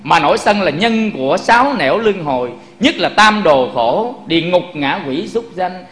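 A man's voice: sits high, expressive, normal speed, fairly bright tone. A man giving a Buddhist sermon, often turning to the audience with rhetorical questions. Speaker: Buddhist preacher. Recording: echoey room.

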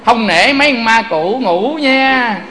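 A man voicing a grumbling old ghost woken from sleep, complaining in a slow, high voice. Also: lively intonation, pushed and bright, exaggerated voice.

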